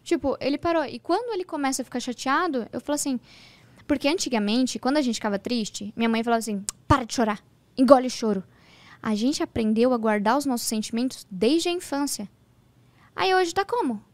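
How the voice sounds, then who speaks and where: A quick, animated Brazilian woman in her thirties, chatting candidly on a podcast. Her voice sits a bit high, and she acts out the dialogue as she tells her stories. The close, dry mic carries no room sound. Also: dry recording. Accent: Brazilian Portuguese. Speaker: podcast guest. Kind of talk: casual chat.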